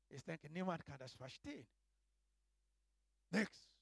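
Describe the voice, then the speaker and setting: A man preaching a sermon in a halting way, swinging between hushed asides and loud exclamations. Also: fairly high pitch, animated, vocal fry, breathy edge, no echo, clean studio sound.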